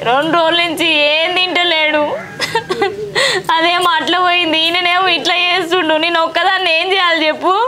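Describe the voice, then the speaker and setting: A woman's voice: very high-pitched, little pitch movement, brisk, pushed and bright. A woman playing a tearful, pleading village mother. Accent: Telangana Telugu. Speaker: distraught mother and wife. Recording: background music.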